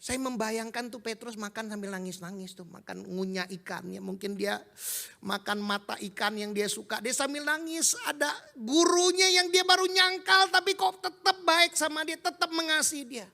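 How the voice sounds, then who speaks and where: A man's voice: extremely high pitch, steady tone, moderate pace, vocal fry, bright, forceful tone. A man preaching a sermon, telling the story vividly and acting out the dialogue.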